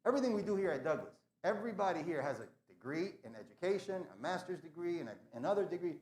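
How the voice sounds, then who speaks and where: Man, school administrator on morning announcements; earnest, emphatic, repeats himself; fairly high voice, echoey room. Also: very animated, fast, darkish tone.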